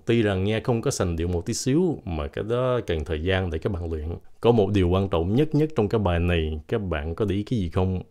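A young man teaches English pronunciation in a relaxed, chatty video lesson. His voice sits fairly low, and he jokes and reassures his viewers, stretching example words out slowly and clearly.

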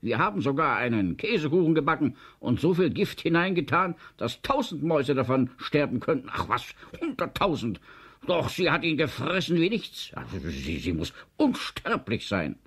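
A man voicing an irate, pompous official in a storybook reading, shrill and excitable. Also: a little slow, few pauses, slightly rough, full character voice. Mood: boastful.

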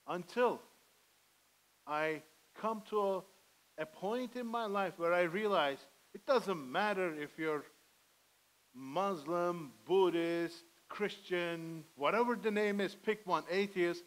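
High-voiced man preaching earnestly. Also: fairly bright tone, low-quality recording. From Armenian heritage. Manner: earnest, pleading, gestures broadly at pulpit. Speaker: pastor. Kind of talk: sermon. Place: church sanctuary, indoors, medium size. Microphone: headset mic.

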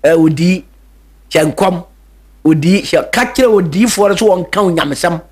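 Emphatic high-voiced Ghanaian preacher man. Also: normal speed, darkish tone, slightly rough. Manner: emphatic, repeats and stretches key words, hesitant fillers. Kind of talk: radio sermon mixing Twi and English.

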